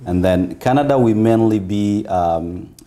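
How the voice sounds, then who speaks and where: A man from Congo talks as a guest in a relaxed interview, his voice low and mellow. He takes his time and often pauses on fillers before going on. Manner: measured, with frequent pauses and fillers. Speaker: interview guest, foundation founder. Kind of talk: casual interview talk.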